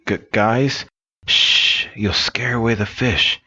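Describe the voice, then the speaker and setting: A man puts on a jittery young fellow who trips over every word. The voice climbs higher as he stumbles. The recording sounds muffled and lo-fi. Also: slow pace, pushed and bright, husky, exaggerated voice. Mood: stuttering. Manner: stuttering. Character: nervous stuttering young man.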